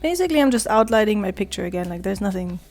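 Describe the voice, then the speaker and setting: A woman with a cold talks casually while she draws, her voice hoarse and raspy, quiet and monotone, sometimes dropping to a soft murmur. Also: mid-range voice, very fast, faint music behind. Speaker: art vlogger. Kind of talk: casual talk while drawing.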